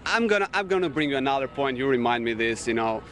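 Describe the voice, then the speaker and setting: A man's voice: mid-range voice, lively intonation, quick pace, a bit bright. Albanian-accented man chatting outdoors. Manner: many fillers, "you know" and "uh". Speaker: co-host. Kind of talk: casual talk show chat. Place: outdoors in a city park. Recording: faint outdoor city noise.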